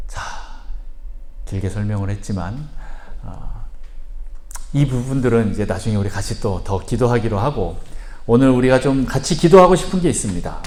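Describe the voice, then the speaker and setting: A man preaching as a pastor, moving from calm teaching to loud, fervent prayer, in a church with guitar music behind him. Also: mid-range voice. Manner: calm teaching, then shouted impassioned prayer. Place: church sanctuary. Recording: roomy church sound with guitar.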